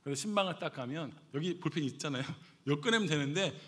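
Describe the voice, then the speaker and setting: A middle-aged man preaching a sermon as pastor, telling a story with animated swings between loud and hushed delivery. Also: fairly high pitch, fast talker.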